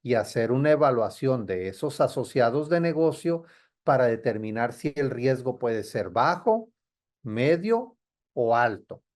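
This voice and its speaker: A trade compliance consultant explains security rules in a teaching style, checking in with his listeners as he goes. His voice is medium-pitched and darkish, expressive and unhurried.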